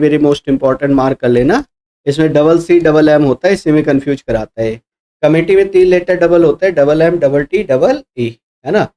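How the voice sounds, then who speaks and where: In this mock test answer walkthrough, a man teaching exam prep speaks with a fairly high, slightly mellow voice. He breaks answers down step by step, spells things out letter by letter and corrects himself mid-flow.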